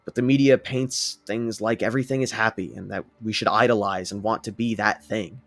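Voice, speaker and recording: A man voicing a sincere young male hero who speaks in an earnest, steady way. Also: on the low side, a little fast, no echo, close to an everyday voice.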